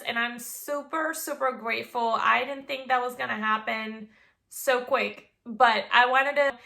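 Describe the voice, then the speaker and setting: A woman's voice: high-pitched, vocal fry, sharp tone. A woman in her twenties from Venezuela, chatting casually to camera as a vlogger, bubbly with playful asides. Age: 20s.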